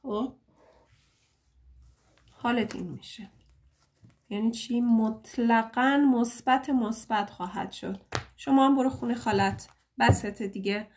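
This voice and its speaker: A woman's voice: a little high, steady tone, pauses often, darkish tone, a little hiss or hum. A young woman giving a casual tarot reading, chatty and playful, joking at her own expense and pleading fondly with her listeners. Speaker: tarot reader.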